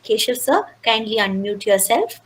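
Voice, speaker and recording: A woman's voice: fairly high pitch, very animated, normal speed, poor audio. A woman, emceeing a webinar with polite, formal introductions over a video call.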